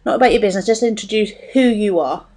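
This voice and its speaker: A woman's voice: mid-range voice, fast talker, a little mellow. Chatty, rambling British female podcast host. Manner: rambling, self-interrupting, informal. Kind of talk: casual chatty interview.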